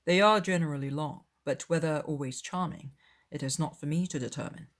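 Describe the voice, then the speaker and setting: Period audiobook role: woman as aloof gentleman, formal, clipped, unconcerned, slightly low female register. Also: brisk, close to an everyday voice. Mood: cool, curt. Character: aloof, proud young gentleman.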